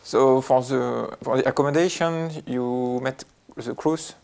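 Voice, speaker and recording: A moderator asking questions at a slow, questioning pace in a casual roundtable discussion. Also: medium pitch, vocal fry, a little mellow, clear, resonant tone.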